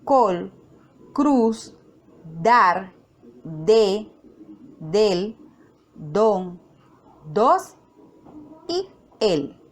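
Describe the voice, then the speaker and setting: A woman teacher giving a recorded grammar lesson, speaking slowly and carefully, breaking words into syllables. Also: medium pitch, very animated. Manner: slow, careful, spelling out syllables.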